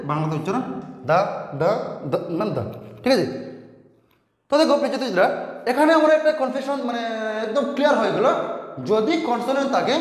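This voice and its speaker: A teacher explaining a pronunciation rule to students, restating each point and often pausing on fillers. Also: mid-range voice. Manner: repetitive, often restating rules with many fillers. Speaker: English teacher. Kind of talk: explaining a grammar lesson to students. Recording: very echoey room with long reverb.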